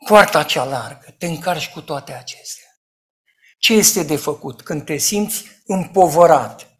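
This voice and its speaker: A man preaching a sermon in an emphatic way, rising to loud outcries and dropping to hushed asides. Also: on the high side, expressive.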